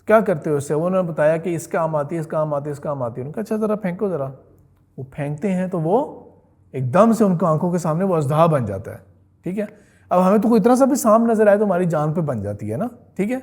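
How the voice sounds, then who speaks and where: In a relaxed, chatty manner, a man lectures on the history of religion. For a male voice his pitch runs slightly high, and he frequently stops to make sure his audience is keeping up, sprinkling English words throughout.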